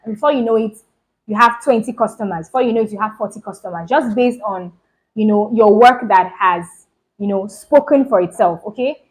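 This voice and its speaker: A woman hosting her own channel, giving a casual lesson on running a clothing business, talking fast and often checking "do you understand?". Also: mid-range voice, darkish tone, rough recording. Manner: talks fast, repeats points, keeps asking "do you understand?". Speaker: fashion business channel host. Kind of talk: casual instructional talk to camera.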